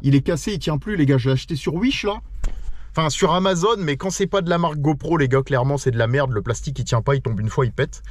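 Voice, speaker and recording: A French travel vlogger, a man with a fairly high voice, talks fast and casually to an action camera mounted in his car during a road trip. He's playful and chatty despite a stuffy nose, and he keeps calling his viewers "les loulous."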